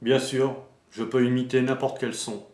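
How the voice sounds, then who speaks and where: Man acting a flat, stoic killer cyborg. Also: medium pitch, normal speed, lightly acted. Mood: flat, solemn. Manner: flat, formal, robotic delivery. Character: stoic male cyborg protector, a killing machine. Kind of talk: parody film acting. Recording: roomy, with music behind.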